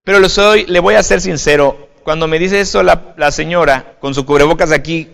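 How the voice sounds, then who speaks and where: Pastor in a reverberant hall. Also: male voice, on the high side, moderate pace, vocal fry, fairly bright tone. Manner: conversational, often adds "right?", addresses listener as "usted". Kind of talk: informal video sermon.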